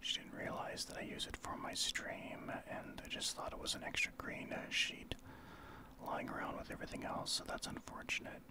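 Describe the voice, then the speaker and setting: A man from Saskatchewan, Canada, speaking in a soft breathy whisper as an ASMR streamer, explaining his gameplay in informal gamer talk. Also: moderate pace. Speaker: streamer, ASMR channel host.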